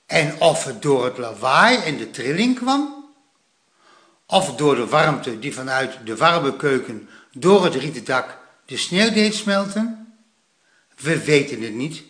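A man reading a children's story aloud in a slow, expressive way. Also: on the high side, roomy sound.

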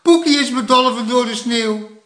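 A man doing a shrill excited little gnome boy. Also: normal speed, vocal fry, echoey room, exaggerated voice. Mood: shouting. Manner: high, shouting, eager. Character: excited young gnome boy, eager and loud.

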